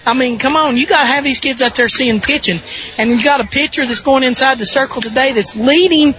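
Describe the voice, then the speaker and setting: A woman with a Southern American accent and a weak voice, giving folksy, conversational pregame softball commentary as a sports broadcaster. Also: high voice, brisk. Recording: dull lo-fi radio broadcast sound.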